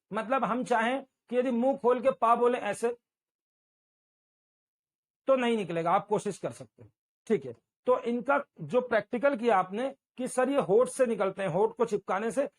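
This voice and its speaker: A male teacher giving a classroom lecture, drilling syllables aloud and urging students to repeat after him. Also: high voice.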